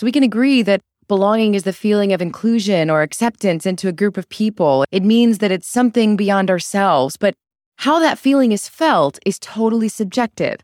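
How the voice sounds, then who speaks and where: A woman moderating a panel, speaking in a measured, clear way. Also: medium pitch, lively intonation, a little mellow, no room sound, studio quality.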